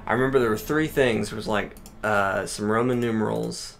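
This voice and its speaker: Gravelly man rambling through gameplay chat. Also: on the low side, moderate pace, soft background music. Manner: rambling, excitable chatter with many restarts. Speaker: let's play co-host.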